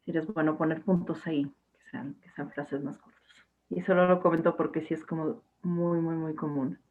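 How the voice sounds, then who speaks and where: Over a tinny, phone-like video call, a young woman teacher talks casually to her class with fillers and restarts. Her voice sits low, with fairly even intonation and a moderate pace.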